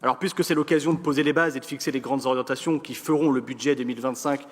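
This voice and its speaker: A man with a French accent from France reads a formal political speech as an elected councillor, in a measured, rhetorical manner with deliberate pauses. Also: mid-range voice, steady tone. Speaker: elected local councillor giving an opening speech. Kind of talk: formal political speech read from prepared text. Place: large council chamber. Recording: reverberant hall sound.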